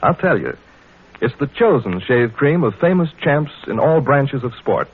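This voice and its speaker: A man's voice: mid-range voice, sing-song, unhurried, breathy edge. An American man reading a 1940s radio advert as announcer, with punchy, emphatic old newsreel salesmanship. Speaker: commercial announcer. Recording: tinny, narrow vintage radio recording.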